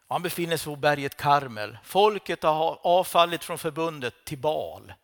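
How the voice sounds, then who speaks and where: Man, preacher, sermon, fairly high voice, dramatic storytelling, loud and hushed turns. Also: animated.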